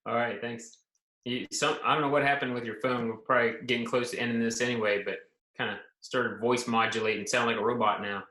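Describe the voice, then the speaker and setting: Bright guy reading viewer questions, casual, echoey room. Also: medium pitch, fairly even intonation, a little fast. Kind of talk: casual live chat.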